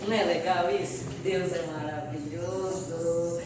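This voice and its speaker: A woman with a Brazilian accent, giving a spiritist lecture and answering questions in a chatty, animated way. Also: on the low side, unhurried, distant mic. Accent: Brazilian Portuguese. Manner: chatty, animated storytelling with audience asides. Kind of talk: live lecture Q&A to an audience. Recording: echoey hall, voice from afar, faint noise.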